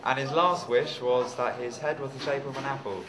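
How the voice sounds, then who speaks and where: A man telling a joke haltingly, with many ums and uhs. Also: medium pitch, fairly even intonation. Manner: halting, fillers. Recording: echoey room with crowd.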